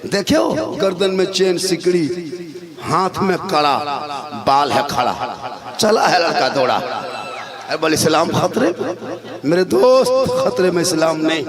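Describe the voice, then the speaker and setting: High-voiced preacher man shouting. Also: sing-song, measured pace. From Jharkhand, India. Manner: shouting, impassioned, mocking. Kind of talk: fiery religious sermon. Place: religious gathering. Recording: live gathering with loud crowd.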